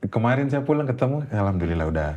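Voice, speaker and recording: A man, telling a personal ghost story in a casual interview, animated and laughing often. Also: quick pace, dull audio, a little hiss or hum. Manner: animated, jumps high when quoting others, laughs often. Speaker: guest storyteller.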